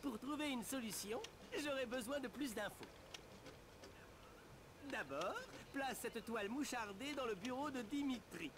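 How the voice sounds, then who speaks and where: Casting: young nerdy male turtle planner, very high voice, articulate and fussy, cartoon game, noisy background. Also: expressive, unhurried. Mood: earnest briefing. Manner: fussy, articulate, instructional briefing. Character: brainy young male turtle mission planner, earnest and precise. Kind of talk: scripted game mission briefing. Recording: game audio with clear background noise.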